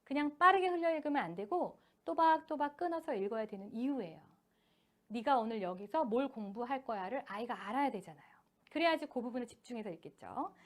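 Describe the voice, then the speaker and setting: A middle-aged woman lecturing parents on children's reading, polite toward them, reading example sentences slowly in short spaced phrases. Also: on the high side, animated. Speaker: education team leader giving a lecture to parents.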